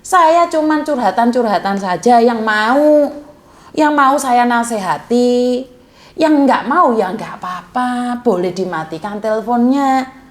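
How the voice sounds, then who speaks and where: In Hong Kong, a woman hosts a call-in advice chat, speaking bluntly and plainly; by her own account she is coarse and outspoken. Her voice is fairly high and animated, and she speaks at a slow pace.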